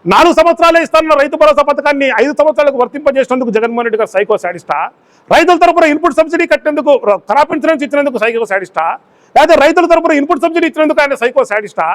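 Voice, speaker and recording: A man's voice: very high-pitched, animated, rapid-fire, a bit bright. A man, a local party in-charge, giving a political press statement full of repeated rhetorical questions.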